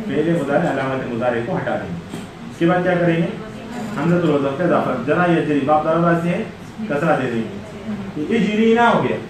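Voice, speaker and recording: Higher-voiced man teaching grammar in an echoey room. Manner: quizzes students, corrects patiently. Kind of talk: online Arabic grammar class.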